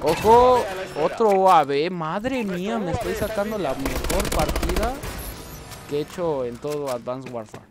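A man with a Mexican accent giving casual gameplay commentary, chatty and excitable, often breaking into yells and exclamations. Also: a little high, moderate pace, over music. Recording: loud game gunfire under voice.

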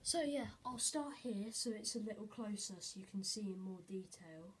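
A woman's voice: mid-range voice, animated, moderate pace, slightly rough. A woman vlogging a casual how-to from her bedroom. She rambles with lots of fillers and talks into a camera set on the bed. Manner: rambling, full of "basically" and "like" fillers. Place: bedroom, indoors. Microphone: camera mic set on the bed.

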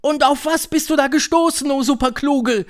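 A man reading an audiobook, voicing an excited crowd of female witches who shriek and clamour. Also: extremely high pitch, normal speed, voice pushed up.

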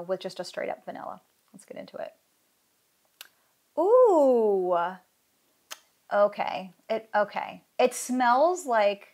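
A woman in her thirties casually reviewing fragrance oils, excited and gushing, full of "like"s, in an indoor craft room at a close desk camera. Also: mid-range voice. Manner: excited, gushing, chatty with many "like"s.

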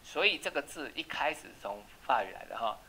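A man teaching an English class, chatty and checking with students, slowing down to repeat words for pronunciation. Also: mid-range voice, expressive, sharp tone, slight background noise, low-quality recording. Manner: asks "right?" often. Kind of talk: classroom lesson.

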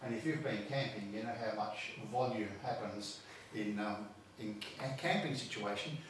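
Australian pastor preaching in a booming hall. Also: male voice, a little hiss or hum. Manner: emphatic, repeats words while building points. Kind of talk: sermon. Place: church. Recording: very echoey church hall, mic far off.

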